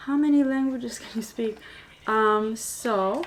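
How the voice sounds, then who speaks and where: The audio is poor, with slight background noise, as a woman with a fairly high voice slowly teaches paper flower making on a live stream. Albanian is her first language, and her chatty delivery, peppered with fillers and restarts, includes reading comments.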